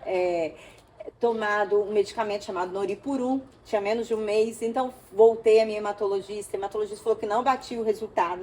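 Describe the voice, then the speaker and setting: A woman from Brazil, an interview guest, telling an emotional personal story with animated storytelling and acted-out dialogue. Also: a little high, slight background noise.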